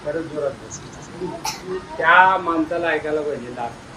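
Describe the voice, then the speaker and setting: A man playfully quizzing schoolchildren, coaxing and teasing them and urging them to speak louder. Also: on the high side, normal speed, crowd noise, rough recording. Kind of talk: playful classroom questioning.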